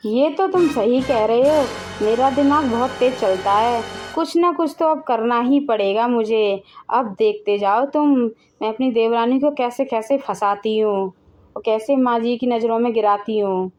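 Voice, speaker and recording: A woman voicing a jealous elder sister-in-law who is always plotting, in an animated family drama. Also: fairly high pitch, a little slow, soft background music, lightly acted. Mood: scheming. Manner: sharp, sulky, plotting.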